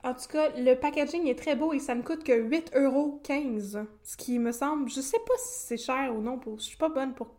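A woman's voice: high-pitched, normal speed, few pauses, dark tone. A woman with a Québécois French accent co-hosting a podcast in playful, chatty conversation, laughing often. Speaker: podcast co-host. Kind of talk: casual chat.

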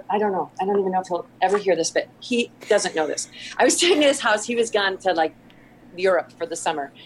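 A middle-aged woman, a podcast guest, telling an animated story with laughter and acted-out quotes. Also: medium pitch, background noise. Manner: lively, laughing, acts out quoted lines. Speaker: podcast guest, theater artistic director.

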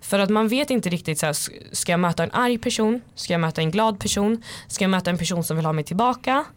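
A young woman telling a personal story in casual chat, rambling with many fillers. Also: mid-range voice. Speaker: guest.

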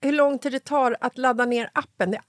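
A woman hosting a podcast in casual chat, an animated storyteller who acts out dialogue and swears freely. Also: high-pitched, no room sound, clean studio sound. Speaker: podcast host.

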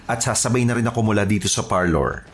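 A man's voice: on the low side, fast, natural voice. A man voicing a flamboyant, vain beauty-parlor worker who chatters and flirts in a sing-song way. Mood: chatty. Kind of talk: audio drama acting.

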